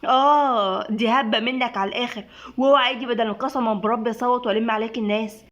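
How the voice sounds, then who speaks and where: A woman's voice: a little high, fairly even intonation, natural voice. A woman voicing a cheeky young woman who fires back mocking retorts, with an Egyptian accent. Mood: sassy. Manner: mocking, quick comebacks.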